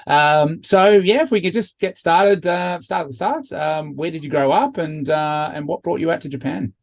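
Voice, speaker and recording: A man's voice: on the high side, moderate pace, lo-fi sound. A man hosting a podcast, asking long, rambling questions full of fillers and restarts. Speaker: podcast host. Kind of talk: casual interview.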